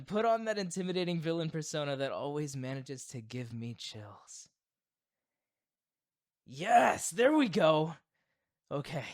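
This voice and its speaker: A man acts out a proud young supervillain boyfriend for an ASMR roleplay. His delivery is slow and theatrical, with big swings in pitch. Under the villainous pomp he is teasing, doting and easily flustered.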